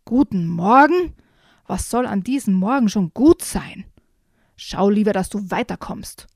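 A woman's voice: mid-range voice, a little mellow, no echo, clean studio sound, close to an everyday voice. Woman reading as a grumpy, rude badger. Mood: snapping. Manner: slow, stomping, snappish.

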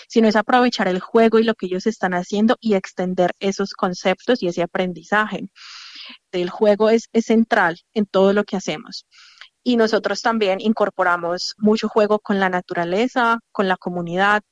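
A woman's voice: mid-range voice, no echo. Woman teacher talking through how little kids learn, dry close mic, lots of ehs and restarts. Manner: thoughtful, explanatory, with fillers and restarts. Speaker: early childhood educator. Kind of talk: conversational interview answers. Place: childcare centre.

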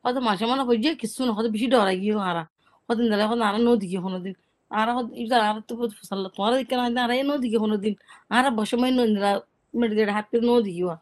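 Rapid-fire and fairly high-pitched, a woman who is a native Rohingya speaker tells an interviewer what she personally witnessed. She talks conversationally and repeats words often.

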